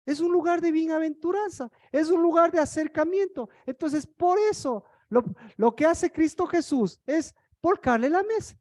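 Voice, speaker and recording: A woman's voice: extremely high pitch, normal speed, mellow, dry recording, studio quality. A woman preaching a sermon, firing rhetorical questions at the congregation.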